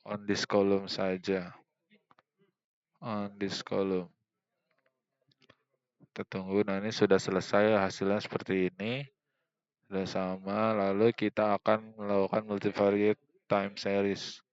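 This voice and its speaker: A young man walks through a software tutorial, hesitant and full of fillers as he thinks aloud while clicking. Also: lowish voice, monotone, a little slow, long pauses, clean tone, no echo, muffled recording. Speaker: student presenting a tutorial. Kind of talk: screen-recorded software tutorial.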